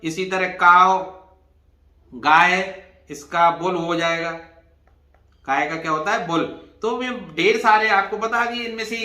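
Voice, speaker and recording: A man's voice: fairly high pitch, sharp tone, echoey room. A man teaching an exam revision lesson, explaining patiently and spelling words out letter by letter. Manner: addresses students as "bhai".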